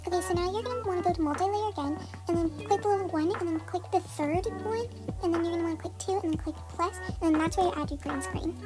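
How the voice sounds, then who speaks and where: Over music, this quick-paced host walks through a casual tutorial step by step, voice disguised and pushed very high by a voice changer. The delivery is chatty, with plenty of "um" and "like" fillers.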